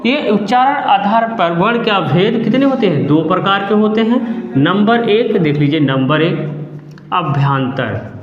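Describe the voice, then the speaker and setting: A male teacher giving a grammar lesson, repeating key terms slowly and asking the class questions. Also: sits high, lively intonation. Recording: dull echoey room, lo-fi.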